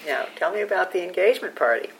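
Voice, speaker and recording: Woman interviewer, encouraging, expressive pitch, faint background noise. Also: quick pace, creaky, poor audio. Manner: encouraging, with many short backchannels. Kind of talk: oral history interview.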